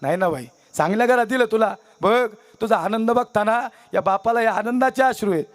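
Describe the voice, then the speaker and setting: A man voicing an aging poor farmer father who is loving and emotional, in a gentle, choked storyteller's voice. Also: sits high, a little fast, lightly acted.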